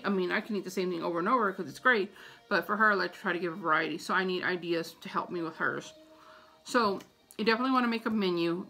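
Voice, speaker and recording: Poor audio captures a middle-aged American household-tips vlogger talking casually to camera from a small room at home. Her medium-pitched voice has vocal fry and sounds pushed and bright, and she repeats her points for emphasis into a phone or tablet at arm's length.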